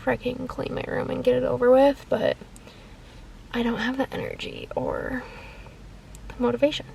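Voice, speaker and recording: A chatty young woman vlogging on her phone, her fairly high voice carrying a gravelly fry as she rambles through her day. Traffic and vehicle noise come through clearly behind her. It sounds like a casual, noisy phone recording. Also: little pitch movement, normal speed. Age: 20s. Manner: chatty and rambling, talking straight to viewers. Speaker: lifestyle vlogger. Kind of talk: casual day-in-the-life vlog chat.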